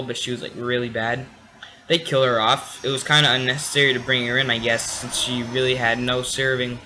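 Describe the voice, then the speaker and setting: A man's voice: medium pitch, bright, forceful tone, poor audio. A tired young man casually reviewing a TV episode late at night, rambling with many fillers and restarts. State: tired, yawning.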